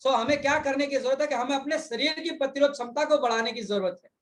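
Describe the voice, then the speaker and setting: A man's voice: very high voice, fast, a bit bright. A man interpreting a speaker's words in consecutive interpretation, restating each point fluently and in full over a video call.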